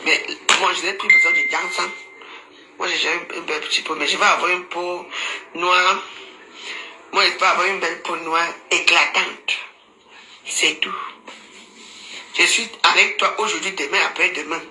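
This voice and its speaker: A woman holds forth on a phone live stream, mocking and lecturing in turn and often laughing. Her voice is very bright and cutting. The room gives a clear echo, with faint noise behind. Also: lowish voice, fairly even intonation, normal speed, pauses often. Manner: teasing, mocking, laughs often, scolding asides. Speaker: social media commentator. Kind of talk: casual Facebook live commentary.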